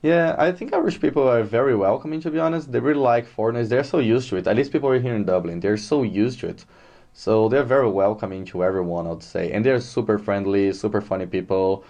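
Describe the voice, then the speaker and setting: Low, mellow Brazilian man chatting. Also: quick pace, dull audio. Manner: relaxed, chatty, many fillers. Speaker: guest. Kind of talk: casual interview. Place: Dublin.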